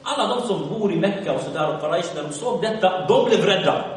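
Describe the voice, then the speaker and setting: A man telling an Islamic history story as a sermon, acting out the quotes with loud and soft swings and mixing Arabic phrases into his Swedish. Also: sits high, lively intonation. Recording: echoey hall, voice from far off.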